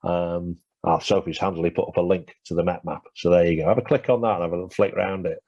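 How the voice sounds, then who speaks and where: A low-voiced man with fairly even intonation speaks fast while presenting a webinar and fielding questions. He's losing his voice and uses lots of fillers and restarts. The audio is dry, dull and lo-fi.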